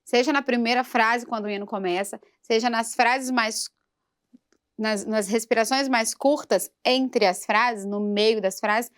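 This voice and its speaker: A woman's voice: a little high, a bit bright. A woman singing teacher giving a patient vocal lesson for a church program and breaking into short sung demonstrations.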